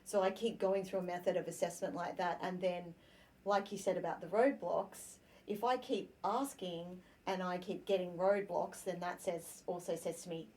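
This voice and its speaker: A woman's voice: lowish voice, moderate pace. A woman hosting a podcast chat, talking casually and acting out her own inner voice in quotes. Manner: animated, acts out quoted inner dialogue. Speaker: podcast host.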